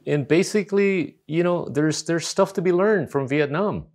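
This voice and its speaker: A man from Indonesia, hosting an interview and asking questions in a halting way. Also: fairly high pitch, darkish tone. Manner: halting, restarts while framing questions. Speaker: host.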